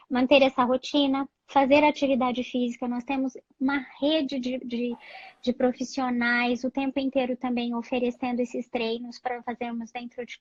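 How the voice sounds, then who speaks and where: Calm woman psychologist, muffled live audio. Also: on the high side, dry recording. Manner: calm, reassuring, many "né?" fillers. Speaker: psychologist guest. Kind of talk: live-stream chat giving advice.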